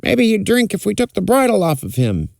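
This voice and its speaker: Guy doing a young stable lad, earnest, unsure, pitched up, fireside storytelling. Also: huge pitch swings, fairly quick, creaky, darkish tone, no echo, full character voice.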